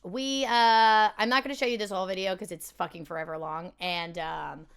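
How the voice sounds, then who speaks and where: A woman's voice: mid-range voice, steady tone, normal speed, fairly bright tone, clear, resonant tone. A young woman chatting casually and self-deprecatingly as she reacts to her own audition tapes.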